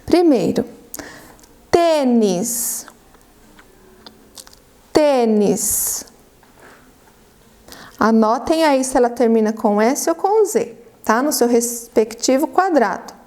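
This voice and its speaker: A Brazilian Portuguese woman teaching a primary school class on video, dictating words slowly and cheering the children on. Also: on the high side, animated, a little mellow. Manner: slow, drawn-out word dictation with encouraging prompts. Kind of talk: recorded video lesson for children.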